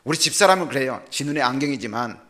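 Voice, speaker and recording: Older male missionary preacher; bright, forceful voice, jokey storytelling sermon with big dynamic swings. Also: medium pitch, quick pace. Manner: animated and humorous, voice swinging from loud to quiet. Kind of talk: sermon with personal stories.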